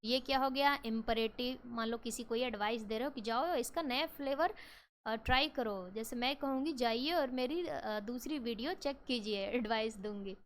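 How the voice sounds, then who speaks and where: A woman with an Indian accent teaching English grammar in a lesson, reading examples out slowly and explaining them with rhetorical questions. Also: on the high side. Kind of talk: classroom lesson in Hindi and English.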